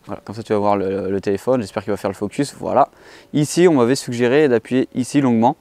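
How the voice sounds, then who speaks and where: A man's voice: mid-range voice, fairly even intonation, fast, mellow, dry recording. A man giving a casual, chatty tech product review and speaking straight to the viewer. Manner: chatty, addresses the viewer directly.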